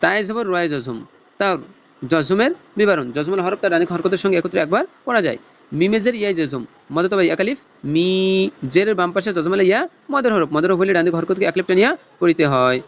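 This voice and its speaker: High-voiced man teaching Quran reading. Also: expressive, fairly bright tone, muffled recording. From Bangladesh. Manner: spells out letters and tajweed rules in a slow teaching chant. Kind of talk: Noorani Quran recitation lesson.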